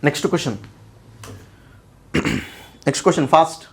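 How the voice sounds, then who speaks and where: A man's voice: fairly high pitch, lively intonation, moderate pace. A man teaching an English grammar class for exam preparation, asking questions and answering them himself. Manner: asks questions and answers them himself, frequent "okay?" and "right?"; addresses students fondly as "nanna". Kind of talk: exam-prep grammar lesson.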